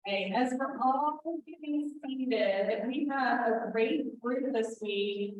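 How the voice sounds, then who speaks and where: Woman presiding over a club lunch, easygoing, slightly high voice, echoey hall. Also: slow pace, lo-fi sound. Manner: relaxed, chatty, says y'all. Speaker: meeting presider. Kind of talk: casual meeting announcements. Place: large meeting room. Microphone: handheld microphone. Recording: very echoey room with faint noise.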